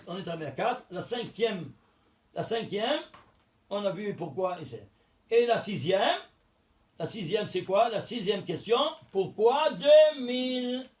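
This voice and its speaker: Here a teacher, a man whose voice sits high, walks through a religious text lesson step by step. He counts the letters aloud and asks questions only to answer them himself.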